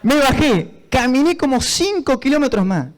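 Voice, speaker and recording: A man with an Argentine Spanish accent, preaching a sermon in church as pastor, telling stories with fervent passion and rising to shouts. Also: extremely high pitch, very animated, moderate pace, rough recording.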